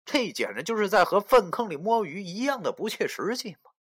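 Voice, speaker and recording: A man narrating a novel dramatically, shifting between hushed whispers and loud outbursts. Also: sits high, big pitch swings, fairly quick, slightly rough. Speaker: audiobook narrator. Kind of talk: dramatic storytelling.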